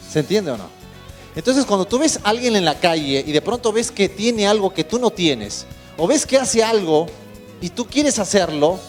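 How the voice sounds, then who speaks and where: A man with a Peruvian accent giving a motivational lecture, asking the audience rhetorical questions and repeating key points. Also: high-pitched. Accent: Peruvian Spanish. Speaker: motivational speaker. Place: conference hall.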